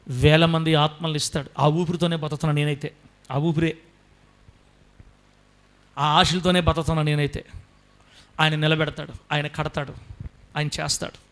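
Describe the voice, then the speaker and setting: A male pastor with a Telugu accent, preaching a sermon with rising intensity and calling on the congregation to respond. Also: on the high side. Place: church service.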